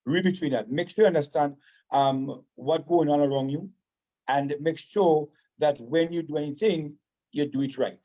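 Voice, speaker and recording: A man from Saint Vincent and the Grenadines talks casually on the radio at a normal speed, his voice notably high and mellow. He's emphatic, often repeating a phrase to drive it home, and the sound is muffled and lo-fi.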